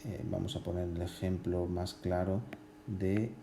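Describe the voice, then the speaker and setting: Slow, deep-voiced male teacher. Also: little pitch movement, creaky, roomy sound, noisy background. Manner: slow, halting explanation with many fillers and restarts. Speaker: Spanish language teacher. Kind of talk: explaining grammar at a board.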